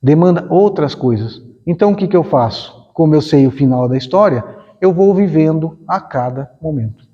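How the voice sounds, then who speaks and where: A man's voice: on the high side, animated, moderate pace, big-room sound, muffled recording. A man from Brazil giving an informal spiritist talk, chatty, acting out little dialogues and asking his listeners questions. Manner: conversational, acts out little dialogues, asks the audience questions. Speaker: spiritist lecturer. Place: spiritist center hall.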